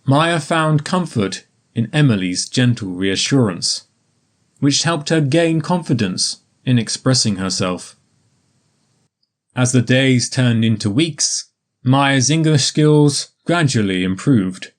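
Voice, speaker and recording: A man narrating a graded story for English learners in a slow, careful, evenly paced reading. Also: medium pitch, expressive.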